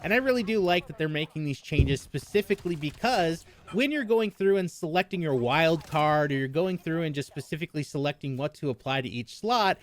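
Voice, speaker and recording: A man's voice: on the high side, expressive, a little fast, hardly any pauses. A man hosting a gaming news video, speaking with a slightly slurred mouth numb from the dentist. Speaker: gaming YouTube host. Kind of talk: scripted-sounding gaming news narration.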